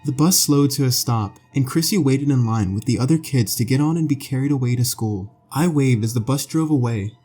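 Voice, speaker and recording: A man narrating a scripted horror story with a slow, measured storytelling delivery. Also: mid-range voice, dark tone. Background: faint background music.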